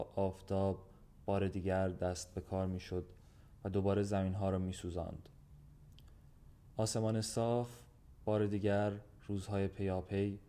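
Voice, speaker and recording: Male audiobook narrator for a literary story; measured, even, low-voiced and mellow.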